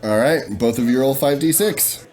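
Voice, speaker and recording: A man narrating as game master, relaxed with chuckling asides, over faint music. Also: mid-range voice, normal speed, poor audio.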